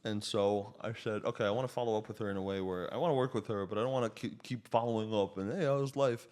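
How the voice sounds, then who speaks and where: This podcast guest, a real estate agent, speaks fast in a lowish, darkish voice. Raised by Slovak parents and a native Slovak speaker, he carries a slight accent as he rambles through animated stories, frequently cutting himself off.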